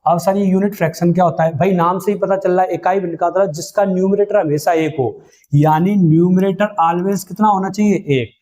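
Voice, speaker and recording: A man's voice: high-pitched, fairly even intonation, brisk, a little mellow. A male maths teacher giving an exam-prep lesson, asking questions and answering them himself, calling students "beta" and "bhai". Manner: call-and-response drilling, asks then answers himself.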